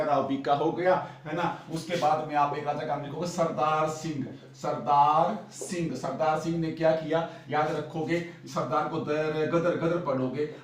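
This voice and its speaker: A young man teaching a fast exam-prep lesson, asking questions and answering them himself, urging his students on like an older brother. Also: on the high side. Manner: drills with repeated questions and answers; urging, brotherly pep talk. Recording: echoey room, distant mic.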